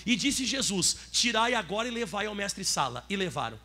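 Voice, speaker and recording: A man with a Brazilian Portuguese accent preaching a sermon as pastor, lively and asking the audience questions. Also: high voice, brisk.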